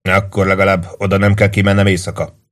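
A man's voice: low voice, flat delivery, close to an everyday voice. A man voicing a laconic army officer who makes dry, offhand remarks.

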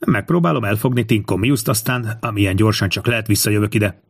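A man's voice: lowish voice, vocal fry, husky, no echo, clean studio sound. A man voicing a young Roman centurion who gives urgent orders in an audiobook.

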